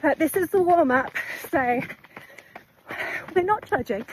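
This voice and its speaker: Female vlogger, breathless while running, higher-pitched voice, unhurried broken phrases, faint outdoor noise. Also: expressive. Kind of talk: casual vlog talk to camera. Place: outdoors on the move. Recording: noisy outdoor running recording.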